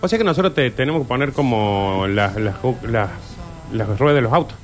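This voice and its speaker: A man's voice: medium pitch, lively intonation, a little fast. Wry Argentine man co-hosting radio. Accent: Rioplatense Spanish. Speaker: radio co-host. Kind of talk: casual chat.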